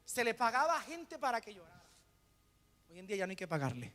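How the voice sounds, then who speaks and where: A male pastor preaching a sermon, asking rhetorical questions and pausing for the congregation to fill in the answer. He swings between hushed lines and loud, emphatic bursts. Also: high-pitched, very animated, long reverb tail. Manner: preaching with rhetorical questions and call-and-response pauses.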